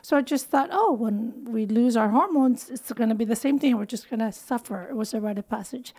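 A woman in her fifties talks through her medical practice in an earnest, explanatory way. Her voice sits fairly high but has a mellow, warm color. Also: a little fast. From United States. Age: 50s. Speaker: guest physician. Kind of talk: interview conversation.

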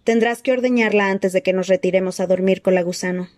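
A cold, frail dark lord who hisses his threats slowly and softly, as a woman puts him on. His tone sits dark and mellow, recorded close and dry with no room around it, in a storybook reading. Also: medium pitch, fairly even intonation, no echo, lightly acted. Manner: slow hissing soft threats. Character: cold menacing weak dark-lord man.

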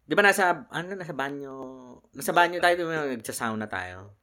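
A man's voice: on the high side, very animated, fairly quick, pushed and bright. A young man co-hosting a casual drinking-session podcast, telling rambling stories full of restarts and fillers. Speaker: podcast co-host.

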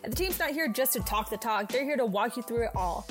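Woman announcer, scripted hype intro, punchy, rousing, promotional, higher pitch, prominent music bed. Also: lively intonation, quick pace. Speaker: show announcer.

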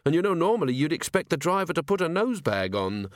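A man's voice: on the high side, big pitch swings, fast talker, no echo, studio quality, voice pushed up. A man voicing a courteous, earnest young watchman who speaks politely.

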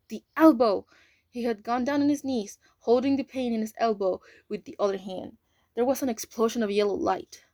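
A woman's voice: mid-range voice, darkish tone, no room sound, studio quality. Woman reading an audiobook. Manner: casual reading with slips and asides. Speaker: audiobook reader. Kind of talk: audiobook narration.

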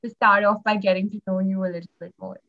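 A young woman hosting a podcast, speaking in a measured, partly scripted way. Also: mid-range voice, little pitch movement, gravelly, lo-fi sound. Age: young adult. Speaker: podcast host.

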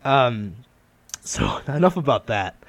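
A man hosting a podcast, talking casually about films in an animated, opinionated way with loose swearing. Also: medium pitch, slow pace, no echo. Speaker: podcast host. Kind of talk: casual film discussion.

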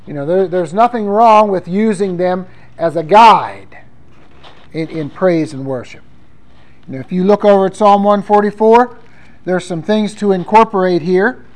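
A man with a high-pitched voice preaches a sermon. He talks conversationally and reads psalms aloud with strong emphasis. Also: normal speed, a little mellow, low-quality recording. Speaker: pastor.

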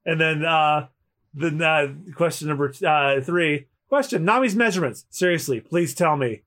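A man's voice: on the high side, normal speed, fairly bright tone. A man hosting a casual show, reading manga aloud and chatting about it. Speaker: podcast host.

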